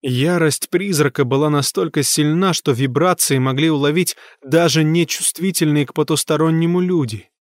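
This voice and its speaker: A man's voice: fairly high pitch, normal speed, few pauses, dry recording, studio quality. A man narrating a novel in a tense, grave manner. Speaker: audiobook narrator. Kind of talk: scripted narration of a horror novel.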